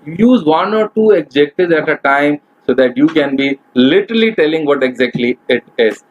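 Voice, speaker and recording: Higher-voiced man giving a webinar talk. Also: lively intonation, normal speed, lo-fi sound. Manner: instructive and direct, addressing the audience as guys. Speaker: corporate trainer. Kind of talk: webinar lecture.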